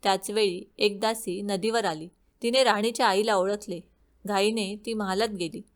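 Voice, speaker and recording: A woman storyteller narrating a devotional vow story with steady, measured reading. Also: mid-range voice.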